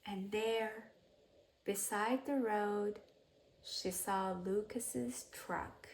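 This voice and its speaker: Reading from a children's storybook, a woman uses an expressive bedtime-story delivery with carefully paced phrasing and gently hushed endings. Her pitch is mid-range, and a faint hiss or hum runs underneath.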